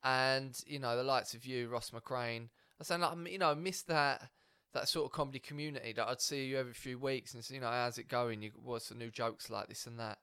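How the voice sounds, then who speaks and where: A man with a broad, everyday Essex accent talks in a gravelly, creaky voice, recorded close and dry. He rambles along colloquially and matily, swearing casually, like a comic chatting on a podcast. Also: medium pitch, steady tone, brisk, few pauses, sharp tone, no echo. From Essex, England. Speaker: stand-up comedian, podcast guest.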